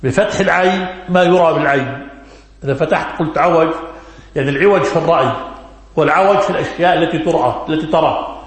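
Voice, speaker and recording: A man's voice: a little high, fast. A man giving a religious lesson, answering questions, repeating key words and quizzing his listeners. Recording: very echoey room.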